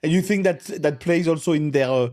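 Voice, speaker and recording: A man hosting a casual interview, asking halting questions and giving brief agreeing replies. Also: fairly high pitch, a little mellow. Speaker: podcast host.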